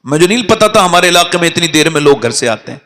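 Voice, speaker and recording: A man preaching a sermon, telling stories and rising to shouts as he leads the crowd. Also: a little high, expressive, long reverb tail, slight background noise. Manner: storytelling, rises to shouting and leads crowd chants.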